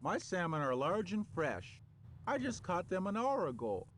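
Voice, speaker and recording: An actor playing an earnest boy trader in a computer game, with a breathy, wheezy voice and stilted delivery. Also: high voice, very animated, normal speed, a bit bright, a little hiss or hum. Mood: eager, earnest. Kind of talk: scripted game character dialogue.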